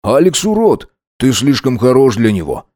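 A man's voice: mid-range voice, sing-song, moderate pace, darkish tone, no room sound, clean studio sound. A man voicing a loyal young friend who speaks earnestly and soothingly in an audiobook reading.

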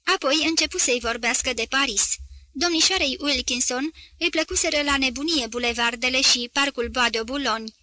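High, bright woman narrating a novel. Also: no echo. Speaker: audiobook narrator. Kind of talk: literary audiobook narration.

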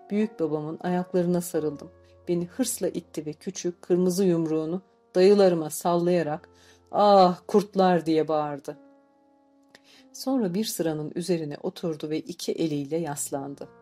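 Mellow woman narrating an audiobook. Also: lowish voice, steady tone, normal speed. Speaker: audiobook reader. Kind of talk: scripted narration. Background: faint background music.

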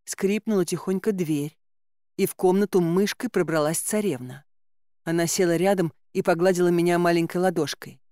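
Woman reading an expressive audiobook. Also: fairly low pitch, normal speed, no echo, clean studio sound. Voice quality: animated, exclaiming inner monologue. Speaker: audiobook narrator. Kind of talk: expressive first-person audiobook narration.

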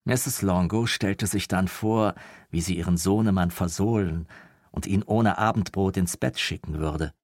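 Male audiobook narrator, very low voice, dry close recording, measured delivery. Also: dry recording.

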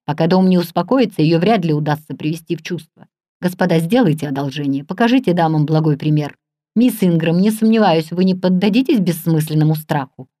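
A woman reading the lines of a commanding gentleman, master of the house, who calms frightened guests in a firm, steady way. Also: lowish voice, fairly quick, no room sound, studio quality, natural voice. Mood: firm, soothing.

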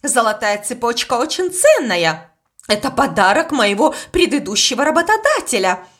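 A woman's voice: fairly high pitch, big pitch swings, normal speed, fairly bright tone. A woman voicing a strict, suspicious governess who snaps out accusations. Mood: angry, accusing. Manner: snapping, accusing.

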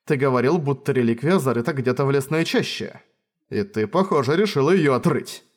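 A man's voice: medium pitch, expressive, brisk, close to an everyday voice. A man voicing a stern young woman officer who speaks in a cold, clipped way. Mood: cool.

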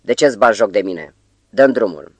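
A man reading the lines of a furious young male poet who accuses and shouts at a stranger. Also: lowish voice, lively intonation, no echo. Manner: angry, accusing.

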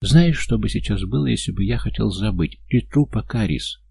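A man playing a desperate, furious young man who shouts, pleads and accuses. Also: lowish voice, animated, moderate pace, gravelly, husky, full character voice. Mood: accusing.

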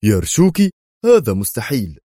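A man's voice: fairly low pitch, animated, brisk, warm tone, no room sound, studio quality, natural voice. Bruce, an anxious museum director, as a man voices him. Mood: indignant. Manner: nervous, indignant.

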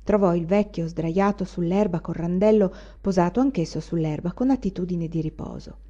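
A woman narrating a classic novel in an expressive, measured way. Her tone is mellow. The recording has a dull, lo-fi sound. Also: on the low side. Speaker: audiobook reader. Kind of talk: literary audiobook narration.

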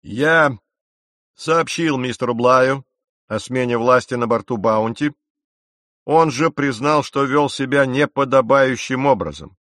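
A man's voice: medium pitch, measured pace, fairly bright tone, no room sound, studio quality, voice pushed up, lightly acted. A man voicing a self-assured young mutineer officer who speaks with regained composure. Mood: composed. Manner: composed, declaring.

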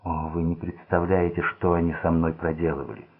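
A man's voice: sits low, level tone, fairly quick, slightly rough. A man reading the lines of a frightened, desperate young woman held captive, pleading and distraught, in a storybook. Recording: phone-like narrow band.

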